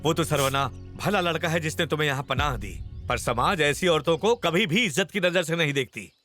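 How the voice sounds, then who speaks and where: A man's voice: on the high side, brisk, bright, forceful tone, faint music behind. An actor playing a stern middle-aged businessman father in a dubbed film, lecturing with scorn. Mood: scolding.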